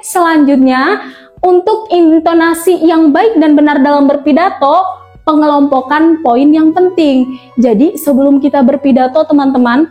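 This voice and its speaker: A woman's voice: high-pitched, dull audio. A young woman presenting a tutorial on speech delivery, chatty and friendly, with frequent fillers as she explains.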